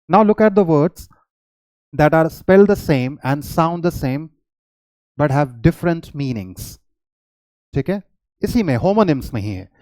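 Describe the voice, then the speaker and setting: A man teaches an English lesson and explains each point patiently. He spells words out letter by letter and reads example sentences slowly. His voice sits a little high, and it is recorded close and dry. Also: warm tone, dry recording.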